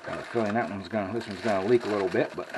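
This cooking channel host talks very fast in a lowish, steady voice, with background noise around him. Folksy and calling his viewers "y'all," he preps in the home kitchen before moving to the outdoor grill, all captured by a handheld camera mic.

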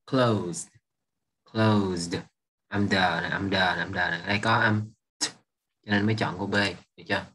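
A man's voice: deep voice, steady tone, quick pace, bright, forceful tone, husky. A man, an English teacher going over an exam and patiently repeating words while checking that students follow. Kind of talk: exam review lesson.

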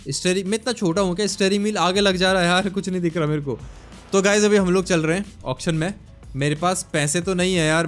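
A gaming YouTuber chats casually as he plays, thinking aloud and haggling over prices. His voice sits a little high. Faint game music plays under his desk-mic recording. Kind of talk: casual gameplay commentary.

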